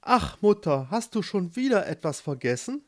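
A storyteller voicing a timid young maiden in a tower, soft and a little anxious, in a read-aloud fairy tale. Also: mid-range voice, very animated, normal speed, voice pushed up. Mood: gentle.

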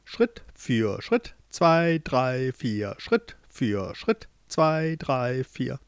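Chorus of dutiful worker ants counting steps in a slow chant, done by a male narrator, storybook style. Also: medium pitch, very animated, clear, resonant tone, dry recording, exaggerated voice.

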